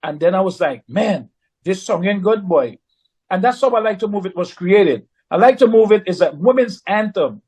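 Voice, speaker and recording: A man with a notably high speaking voice tells a story in a relaxed, conversational way. He is animated and slips into other people's voices when he quotes them. He sounds middle-aged. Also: moderate pace, husky, rough recording. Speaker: recording artist guest. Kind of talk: casual storytelling.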